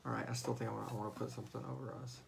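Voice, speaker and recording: This host and co-creator of a horror audio drama rambles and jokes through a laid-back livestream chat, occasionally muttering as he gets things ready. He has a mid-range, gravelly voice with a level tone and a racing pace, and crowd noise can be heard.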